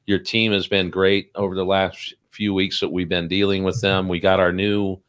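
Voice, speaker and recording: A man's voice: sits low, little pitch movement, moderate pace, a bit bright, clean tone. A man co-hosting a casual interview, chatty and joking, with plenty of fillers and restarts. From Salt Lake City, Utah. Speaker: podcast co-host.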